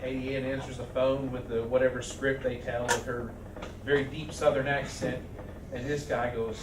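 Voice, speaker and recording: A man speaking at a memorial, halting with many restarts and fillers. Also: medium pitch, level tone. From Arizona. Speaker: eulogy speaker. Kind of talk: memorial speech. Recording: echoey hall from far off, noisy.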